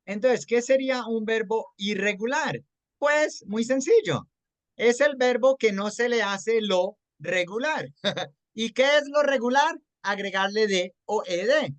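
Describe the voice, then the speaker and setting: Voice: medium pitch, expressive, unhurried, no echo. An English teacher with a Colombian accent explains grammar to a student in an online class, mixing English words into Spanish and often checking that the student follows. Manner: patient, checks understanding often.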